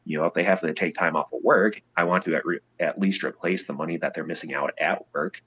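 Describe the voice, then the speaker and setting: A man's voice: sits low, fast talker, a bit bright, slightly rough. A man, a singer-songwriter guest, chatting casually in an interview and telling stories where he acts out the people he quotes. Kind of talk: casual podcast interview chat.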